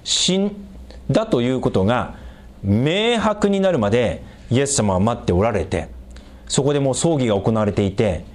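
A middle-aged man preaching a sermon as a pastor, explaining scripture in an animated way and making small jokes with the congregation. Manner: animated, raises pitch for emphasis and quoted lines, jokes with the congregation.

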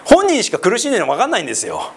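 Man preaching with a very lively, swooping pitch. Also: rapid-fire, creaky, a little hiss or hum. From Sendai, northeastern Japan. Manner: chatty, with many asides and tag questions. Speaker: pastor. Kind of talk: conversational sermon.

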